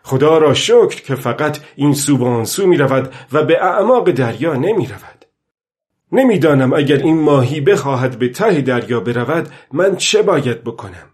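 A man's voice: mid-range voice, darkish tone, natural voice. A man voicing a weary old fisherman who talks aloud to the fish and to himself, strained and pleading, in a storybook reading. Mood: worried.

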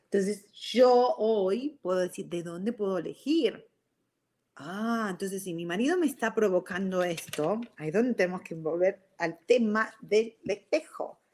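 A woman's voice: mid-range voice, animated, measured pace, darkish tone. A woman with a Rioplatense Spanish accent giving a casual motivational talk. She restarts her sentences, drops English words in and checks in with her listeners with a frequent "ok?". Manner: addresses listeners directly with frequent "ok?". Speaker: self-help speaker.

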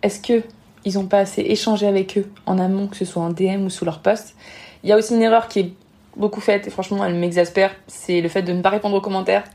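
A mellow, mid-range voice with fairly even intonation belongs to this woman, an Instagram marketing expert guesting on a podcast. She talks quickly, frankly and emphatically about social media. Often she acts out other people's thoughts as quotes.

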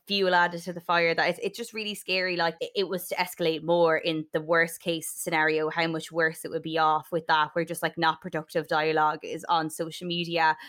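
Young female podcast co-host, west of Ireland accent, lowish register, earnest and conversational with halting phrasing. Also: flat delivery, a bit bright. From Sligo, west of Ireland. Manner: earnest, hesitant, frequent "like". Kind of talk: casual discussion.

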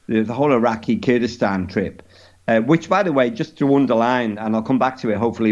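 A man's voice: medium pitch, a little mellow. Guy telling a wild travel story, stammers and restarts constantly, swears a lot, audio a bit muffled. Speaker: podcast guest. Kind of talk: animated storytelling.

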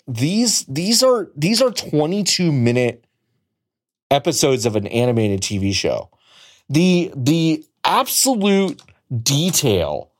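Rambling podcast guy, voice swings way up and down, kinda exasperated. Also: medium pitch. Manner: rambling, exasperated, lots of restarts. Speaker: podcast co-host. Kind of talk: casual chat.

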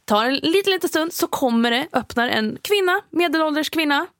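A fairly high-voiced woman tells a funny story on a casual podcast. She is animated and laughs through the telling. The sound is dry and close to the mic. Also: dry recording. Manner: animated, laughing retelling of a mishap. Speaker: podcast co-host.

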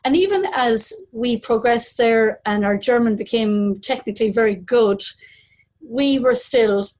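A woman in her fifties with a west of Ireland, Kerry accent tells a personal story. Her voice sits a little high. She is unhurried and reflective, repeating words for emphasis. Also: darkish tone. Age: 50s.

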